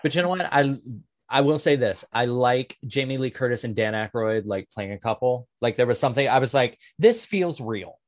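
A man's voice: medium pitch, expressive, no echo. A man co-hosting a podcast, telling stories in casual chat with lots of fillers and some swearing. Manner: drawn-out, hesitant with many fillers, swears. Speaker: podcast co-host.

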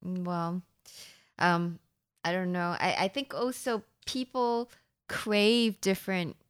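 A woman's voice: on the low side, fairly even intonation, takes it slowly, clear, resonant tone. A woman from Singapore hosting a casual chat, musing aloud and hedging with fillers.

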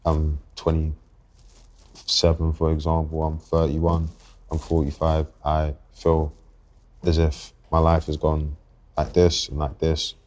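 The speaker is a London rapper in his 20s, interviewed on a podcast, with a very deep voice that doesn't rise or fall much. He muses out loud in a halting way, going back to restart sentences as he pins down what he wants to say.

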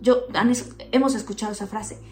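A woman with a fairly high voice walks listeners through a frightening experience in casual conversation, explaining each detail and acting out moments vividly. Faint music plays softly in the background. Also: steady tone, brisk. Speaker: guest telling a paranormal experience. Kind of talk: casual storytelling chat.

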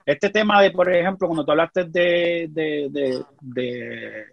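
A man's voice: fairly high pitch, slow, vocal fry, no room sound, dull audio. A middle-aged man with a Puerto Rican accent, a guest telling a personal story in casual conversation, earnest and often checking in with the listener. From Puerto Rico.

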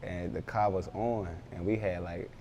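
A man's voice: low voice, fairly even intonation, moderate pace, vocal fry, warm tone, slight background noise. A young man, a rapper, talking casually in an interview with loose, rambling street slang. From Baltimore, raised in Philadelphia.

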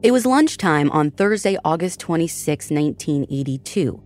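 Woman host reading a true crime script, deep voice, bit dramatic, soft music behind. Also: animated. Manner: measured, dramatic storytelling delivery. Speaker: podcast host and narrator.

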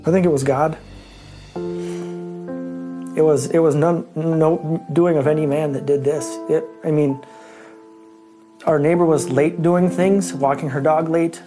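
A man in an interview, speaking haltingly as he searches for words. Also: a little high, fairly even intonation. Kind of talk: recorded interview. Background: guitar music bed.

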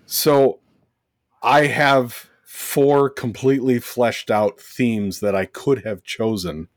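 A man co-hosting a podcast in relaxed chat, wry and deadpan, swearing in passing. His voice sits at a middling pitch. It is recorded close and dry, with no room around it. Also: slow, dry recording. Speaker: podcast co-host. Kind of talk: casual chat.

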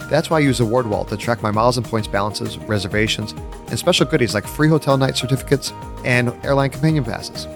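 A man's voice: mid-range voice, quick pace, music in the background. A man hosting a travel podcast, upbeat and enthusiastic as he asks his guest questions. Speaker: podcast host. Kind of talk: podcast interview.

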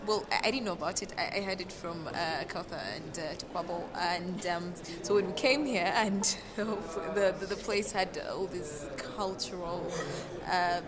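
A young woman from Uganda, a student, answering an interviewer in a halting way, often repeating words. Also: fairly low pitch. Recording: crowd chatter at a festival.

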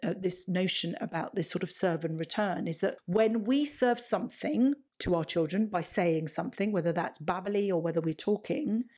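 A woman's voice: lowish voice, moderate pace, few pauses, a little mellow. A woman hosting a solo podcast, explaining advice step by step and often rephrasing as she builds lists. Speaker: parenting podcast host.

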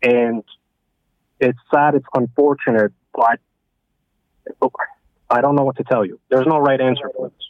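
A man's voice: mid-range voice, steady tone, measured pace, pauses often, no room sound. Man, radio panelist, emphatic, repeats points, tinny phone-like sound. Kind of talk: radio discussion.

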